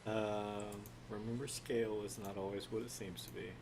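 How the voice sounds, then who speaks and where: A man's voice: fairly low pitch, little pitch movement, moderate pace, a little mellow. A man running a tabletop role-playing game as the game master.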